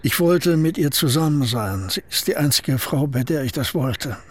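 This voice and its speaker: An older actor voices an aging painter and poet in a radio play, husky and dry, reserved and curt in manner. His pitch sits a little high, he's expressive, and he speaks at a normal speed.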